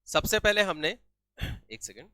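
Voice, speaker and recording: Guy teaching accounting, a bit high pitched, keeps repeating the key words and asking if it's clear. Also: sing-song, moderate pace, pushed and bright, no echo. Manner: asks questions and answers them himself, repeats key terms. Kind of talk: classroom-style lesson.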